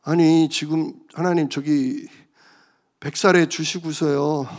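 A male pastor preaching a sermon, telling stories in an animated way and calling out for amens. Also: fairly high pitch, slow pace. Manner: animated storytelling, calls for amens.

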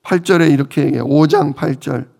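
A male pastor delivers a sermon, explaining scripture and asking his listeners questions. His voice is fairly high and has a gravelly texture. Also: brisk, mellow. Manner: explanatory, asks the congregation questions.

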